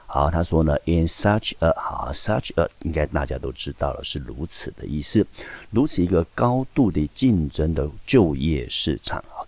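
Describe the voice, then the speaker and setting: A man's voice: a bass voice, darkish tone. A man teaching English in Taiwanese-accented Mandarin, explaining step by step and answering his own questions. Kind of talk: recorded classroom lesson. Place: high school teaching video.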